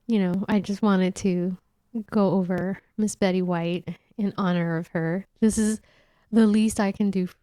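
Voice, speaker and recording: A woman's voice: medium pitch, fairly even intonation, unhurried, warm tone, no echo, clean studio sound. A woman hosting a podcast in casual chat, losing her voice, chatty and laughing often as she talks. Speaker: podcast host.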